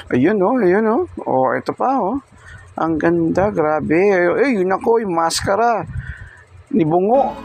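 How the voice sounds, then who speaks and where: An out-of-breath man talks eagerly into a handheld phone while walking around a crowded hilltop place. His voice sits a bit high and has a gravelly edge. Loud background noise runs under his speech. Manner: excited, chatty, keeps asking "di ba?". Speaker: motovlogger. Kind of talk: casual walking vlog. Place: outdoors, busy hilltop restaurant and museum.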